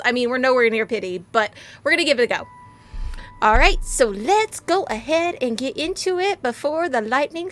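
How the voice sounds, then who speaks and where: A woman hosting a gaming channel with bubbly, goofy, fast casual commentary, speaking from her home in a rural area. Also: high-pitched, a bit bright.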